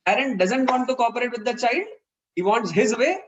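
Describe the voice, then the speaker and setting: High-voiced indian guy explaining teen stuff in a webinar, kinda dull lo-fi audio, earnest. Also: a little fast. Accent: Indian English. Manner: earnest, explanatory, acts out quoted dialogue. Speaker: webinar presenter on parenting. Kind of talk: webinar talk. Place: online webinar.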